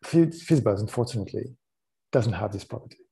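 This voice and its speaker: A man with a French accent giving a technical conference talk, explaining in a relaxed way with frequent ums and restarts. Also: fairly low pitch, fairly quick, creaky. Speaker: conference speaker.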